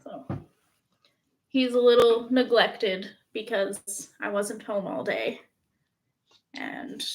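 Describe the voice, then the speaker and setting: A woman's voice: on the high side, gravelly. A woman from Canada chatting casually on a live stream at home, rambling with lots of fillers, recorded on a phone's front camera. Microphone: phone front-facing camera.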